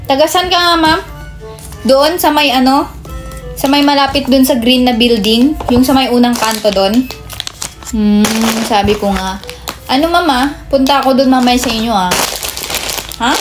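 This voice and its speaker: Chatty woman as a gossipy cashier. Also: high voice. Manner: chatty, nosy, bossy cashier banter to unseen customers. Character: nosy, bossy, gossipy female store cashier. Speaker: comedic skit creator playing a cashier. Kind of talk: comedic one-woman skit.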